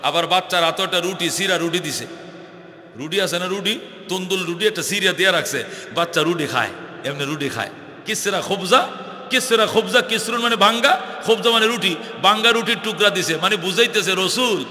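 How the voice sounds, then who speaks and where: Preacher guy, bright piercing voice, sing-song storytelling, big echoey hall. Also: fairly quick. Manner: dramatic storytelling, acting out quoted speakers with pitch swings, sometimes chanting. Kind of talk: Bengali waz sermon storytelling.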